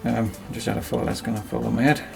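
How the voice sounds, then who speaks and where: A man's voice: mid-range voice, fairly even intonation, quick pace, creaky, a little mellow, soft background music. A man chatting casually and self-mockingly as he rambles through a DIY project in his cramped home workshop. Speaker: DIY video host.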